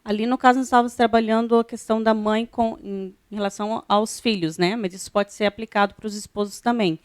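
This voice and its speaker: A Brazilian woman talks as a guest on a church television program in a smooth, clear voice. She speaks conversationally, often checking in with her listeners, and she is recorded close and dry. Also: medium pitch, steady tone, a little fast, no echo. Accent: Brazilian Portuguese. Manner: conversational, frequent "né" tags. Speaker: guest, pastor's wife. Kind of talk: church TV interview.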